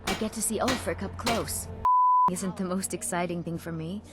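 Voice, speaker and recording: A woman's voice: mid-range voice, huge pitch swings, moderate pace, over loud music. A woman voicing a chatty working townswoman in a fantasy game, in scripted dialogue.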